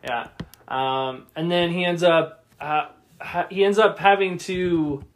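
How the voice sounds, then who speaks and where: A man's voice: fairly high pitch, fairly even intonation, slow. A man chatting casually on a podcast, retelling favorite movie scenes, laughing often and acting out quoted lines. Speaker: podcast co-host. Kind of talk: casual chat about movies.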